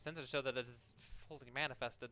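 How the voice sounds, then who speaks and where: A man's voice: medium pitch, steady tone, fast, pushed and bright, dry recording. A sardonic, sweary man giving casual game commentary and reading the game's text aloud. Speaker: let's play host.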